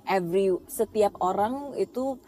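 A woman's voice: medium pitch, measured pace, mellow, slight background noise. A woman hosting a casual conversation, speaking reflectively and mixing English into her Indonesian.

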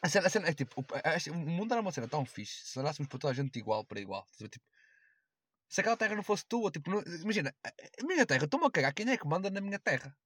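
Fast-talking young Portuguese-accented man, casually crude. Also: fairly high pitch, very animated, a bit bright, breathy edge, dry recording, clean studio sound. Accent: European Portuguese. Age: young adult. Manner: crude, slangy, heavy swearing; rambling, repetitive. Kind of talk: casual chat.

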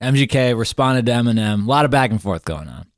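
A man's voice: mid-range voice, lively intonation, quick pace, dry recording, clean studio sound. A man co-hosting a casual podcast, recapping news with fillers and restarts. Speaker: podcast co-host.

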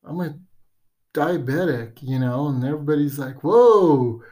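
A man's voice: on the high side, normal speed, a little mellow. A man co-hosting a podcast in casual chat, rambling and joking, often trailing off mid-sentence. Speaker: podcast co-host.

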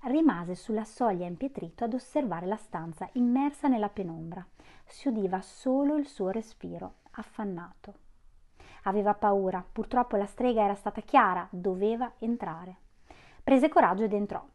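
A woman reading a novel aloud in measured storytelling. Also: medium pitch, lively intonation, a little mellow. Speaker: audiobook reader.

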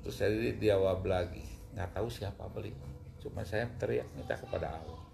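A man's voice: lowish voice, a little fast, gravelly. A middle-aged man, a guest in an interview, emotionally recounting a personal story. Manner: emotional, animated retelling with rising outbursts.

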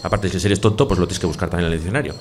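A man's voice: low voice, very fast. A man with a Basque Spanish accent, hosting a podcast in a casual chat, joking and telling anecdotes. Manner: jokey, teasing, tells anecdotes. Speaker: podcast host.

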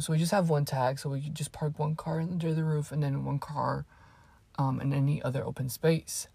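A woman's voice: low voice, creaky, dark tone, breathy edge, no echo. A teenage girl telling stories to camera in a casual vlog, rambling and swearing freely with plenty of asides. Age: teens. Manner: rambling and profane, with fillers and asides. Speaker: vlogger.

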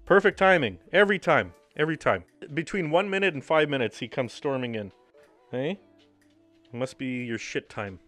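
A man's voice: mid-range voice, normal speed, no echo, faint music behind. A man hosting a casual drinking show, rambling and swearing freely. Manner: profane, rambling and animated. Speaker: show host.

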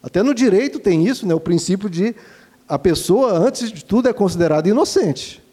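A man, a father giving gentle, instructive parenting advice and warmly addressing his listeners. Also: high voice, lively intonation, brisk, breathy edge. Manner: gentle and didactic, calls listeners "dear ones". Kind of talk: earnest advice talk to listeners.

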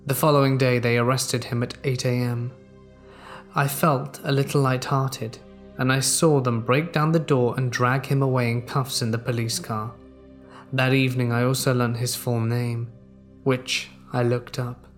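A man's voice: mid-range voice, little pitch movement, moderate pace, faint music behind. Man reading a horror story. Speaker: story narrator.

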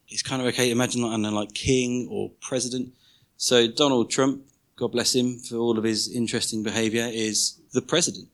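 A man's voice: medium pitch, fairly bright tone. A man preaching an informal teaching sermon in church, chatty in tone and leaning hard on key words he repeats.

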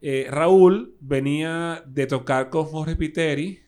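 Venezuelan guy rambling thru band stories, kinda high voice, slangy, lots of fillers. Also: takes it slowly, darkish tone, clean tone. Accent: Venezuelan Spanish (Caracas). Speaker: guest musician, guitarist. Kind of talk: casual chat, storytelling.

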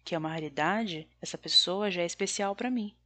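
Wry deadpan woman doing stand-up. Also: lowish voice, a little fast. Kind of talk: stand-up comedy monologue.

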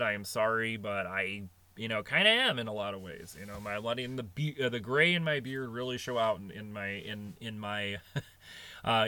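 A man's voice: medium pitch, sharp tone, clear, resonant tone. A middle-aged man hosting a podcast, talking casually and earnestly as he tells stories about managing staff. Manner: earnest, anecdotal storytelling. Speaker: podcast host on restaurant management.

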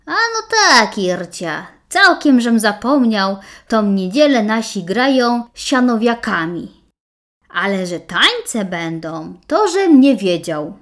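A woman voicing a bashful country bachelor in a slightly lower voice. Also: big pitch swings, slow pace.

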